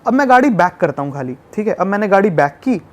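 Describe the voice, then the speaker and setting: Talking fast, this young Delhi man tells a story as a guest on a podcast in a relaxed conversation. He repeats words for emphasis, animated and emphatic, with a voice that's high for a man.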